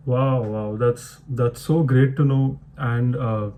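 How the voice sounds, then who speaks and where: A man's voice: mid-range voice, fairly even intonation, slow pace, dark tone. A man hosting a podcast who asks questions in an effusive tone and often uses filler words. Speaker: podcast host. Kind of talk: interview questions.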